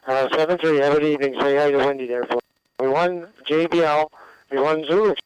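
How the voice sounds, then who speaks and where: A man checks in on amateur radio with a meandering, halting chat. His voice is a little high and very clean, heard dry over a radio link with static. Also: steady tone, clear, resonant tone, no room sound, rough recording. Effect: two-way radio. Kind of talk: casual ham radio chat.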